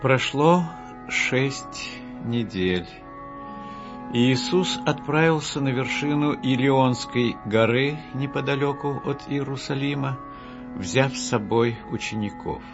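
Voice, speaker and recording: A man narrating Bible stories for an audiobook in a slow, measured reading. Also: medium pitch. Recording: dull lo-fi audiobook with soft music.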